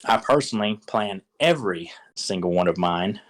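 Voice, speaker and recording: A man's voice: fairly low pitch, lively intonation, moderate pace, poor audio. Rambling man giving game master tips. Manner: rambling, filler-heavy, enthusiastic. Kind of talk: casual instructional talk.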